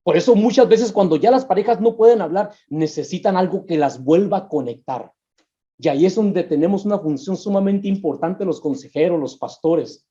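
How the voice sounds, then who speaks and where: A man's voice: high-pitched, normal speed, mellow. A male pastor preaching a sermon on relationships, with emphatic rises and drops, addressing the listeners as brothers. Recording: dull muffled sound.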